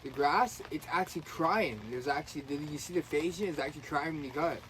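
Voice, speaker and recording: Man, casual chat, earnest rambler, slightly higher pitch, faint background noise. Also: fairly bright tone. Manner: earnest, rambling, halting restarts.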